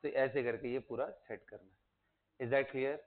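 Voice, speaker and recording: Slow-talking male chemistry teacher. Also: medium pitch, steady tone. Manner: calls out questions to students, coaxing them to recite. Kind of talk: classroom lecture. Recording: tinny phone-like audio.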